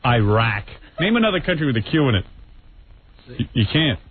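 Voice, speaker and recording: A man hosting a radio show with casual comic banter and rants, blunt, sardonic and quick to interrupt. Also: medium pitch, very animated, a little hiss or hum. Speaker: radio host and disc jockey. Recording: tinny, band-limited radio sound.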